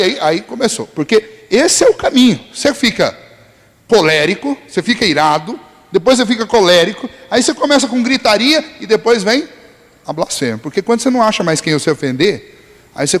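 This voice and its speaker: A man's voice: high voice, lively intonation, a little fast, fairly bright tone, long reverb tail. A male pastor with a Brazilian Portuguese accent, preaching a sermon in a conversational style full of rhetorical questions.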